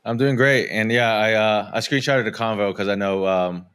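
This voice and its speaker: A man's voice: fairly low pitch, moderate pace, fairly bright tone, clear, resonant tone. A man guest on a casual podcast, talking hesitantly with many filler words.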